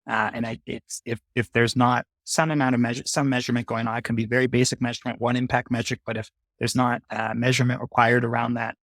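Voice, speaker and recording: A man guest in an interview explains things methodically, step by step, with frequent "uh" fillers. His voice sits at a mid pitch, recorded dry and close. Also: little pitch movement, fast talker, hardly any pauses, fairly bright tone, no echo. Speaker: fund manager guest. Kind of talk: interview conversation.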